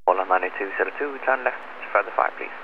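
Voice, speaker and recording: A man's voice: sits low, fast talker. A man working as an air traffic controller, calling headings and flight levels in clipped, procedural radio phraseology. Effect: aviation radio. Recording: narrowband, noisy aviation radio transmission.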